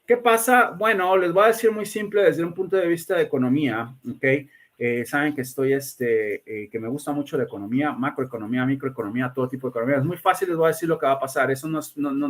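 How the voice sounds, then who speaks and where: A man's voice: fairly high pitch, fast. A man hosting a casual livestream, talking emphatically, repeating himself and greeting viewers by name. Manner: emphatic, repeats words and restarts often. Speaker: livestream host giving predictions.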